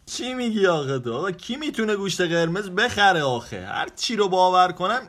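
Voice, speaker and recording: A man in a comedy skit with a somewhat high, bright voice. He sounds exasperated and keeps asking questions. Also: sing-song. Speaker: comedy sketch performer. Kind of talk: comic skit dialogue.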